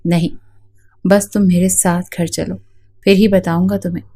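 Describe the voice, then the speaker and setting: A woman's voice: lowish voice, level tone, warm tone. A woman voicing a protective middle-aged father who speaks firmly and consolingly to his daughter. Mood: grieving. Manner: firm, consoling.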